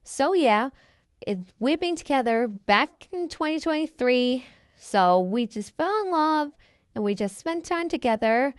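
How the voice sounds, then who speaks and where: Young woman doing a storytime, kinda high voice, simple repetitive phrasing, dry close sound. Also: expressive, measured pace, dry recording. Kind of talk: casual storytime vlog.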